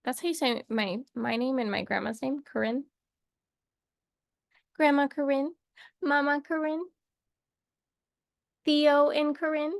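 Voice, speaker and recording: A woman's voice: sits high, steady tone, a little slow, gravelly, pauses often, dry recording, clean studio sound. A young woman teaching a casual English lesson to camera, chatty and playful, wandering off into little asides.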